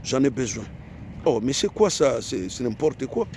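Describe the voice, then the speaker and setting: A man's voice: medium pitch, sing-song, moderate pace, a little mellow, slight background noise. A man from Africa in an emphatic, repetitive monologue to his viewers, full of rhetorical questions. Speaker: online commentator.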